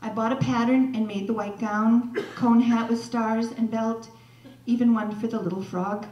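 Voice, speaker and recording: A woman's voice: a little high, steady tone, moderate pace, warm tone, highs cut off. Wry woman telling a story live. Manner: wry, self-mocking humor. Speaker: storyteller and mother. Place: holiday sing-along event, indoors. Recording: echoey live-room recording from a distance.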